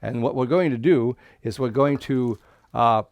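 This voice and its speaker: Give the listener a man acting as a friendly Santa who works like a children's party magician. His voice is gravelly and mid-to-low in the everyday male range, recorded close and dry. He talks in showy, inviting patter meant for kids. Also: darkish tone, no room sound, highs cut off, lightly acted. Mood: showy, jolly. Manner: kids' party magician patter, drawn-out showy counting and reveals. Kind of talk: interactive children's visit over the internet.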